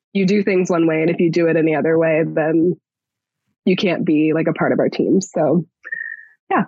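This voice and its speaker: A woman's voice: on the low side, darkish tone, dry recording. A woman guest on a podcast in casual chat, reflective and easygoing, with many fillers. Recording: slightly dull lo-fi sound.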